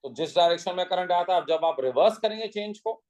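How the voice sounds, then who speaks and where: A man with a fairly high speaking voice teaches a physics class. He explains each step patiently, keeps throwing rhetorical questions at his students, and slips English technical terms into his Hindi. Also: lively intonation, fast talker, a little mellow, low-quality recording.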